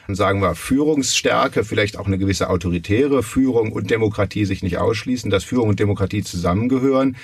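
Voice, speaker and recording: Husky, academic German man, distant mic. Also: on the low side, dry recording. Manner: measured, academic, with frequent hesitations. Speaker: guest historian. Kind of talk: panel discussion.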